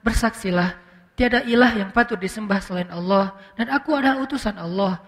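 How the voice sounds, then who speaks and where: A man voicing a gentle prophet, soft and calm. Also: high-pitched, in a large hall. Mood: gentle, earnest. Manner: soft, unhurried, earnest. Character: gentle male prophet calling to a crowd.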